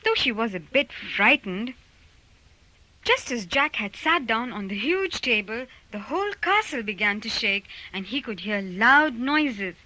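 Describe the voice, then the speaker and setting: A woman narrating a children's storybook recording with lively, expressive storytelling. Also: fairly high pitch, unhurried, dry recording, rough recording.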